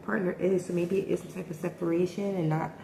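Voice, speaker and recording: A woman's voice: on the low side, fairly even intonation, quick pace, gravelly, dark tone. A woman giving a casual tarot reading, thinking aloud and hesitating often. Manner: hesitant, thinking aloud with many ums and likes. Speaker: tarot reader. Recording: echoey room with faint noise.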